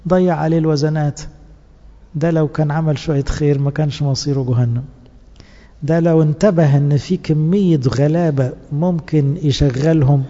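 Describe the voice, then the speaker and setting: Speaking in a fairly high, warm voice, an Egyptian-accented man delivers a sermon to church servants, earnest and exhorting and packed with rhetorical questions. The recording is dull and lo-fi, made in a reverberant hall.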